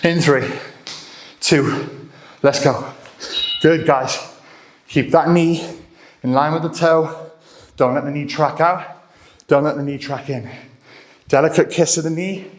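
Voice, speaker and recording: A man's voice: fairly high pitch, slow, pauses often. A man coaching a live workout, giving short encouraging commands and countdowns, a little out of breath. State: getting out of breath. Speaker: fitness coach. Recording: roomy echo.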